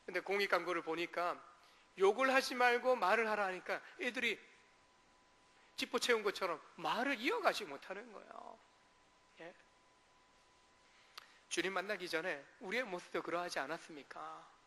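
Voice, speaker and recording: Man, pastor, sermon, rhetorical questions, high bright voice, reverberant church hall. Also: moderate pace, pauses often. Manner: acts out short dialect quotes. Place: church sanctuary.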